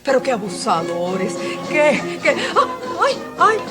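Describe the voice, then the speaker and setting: Una actriz cubana interpreta a la joven esposa del zapatero, de genio vivo y dramático, que pasa de regañar a lamentarse entre exclamaciones. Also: female voice, a little high, wildly swooping pitch, slow, loud music behind the voice, heavily acted. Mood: indignant, scolding. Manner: exclamatory, swinging between scolding and lament. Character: fiery young shoemaker's wife, quick-tempered, dramatic. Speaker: stage actress. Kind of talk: theatre performance.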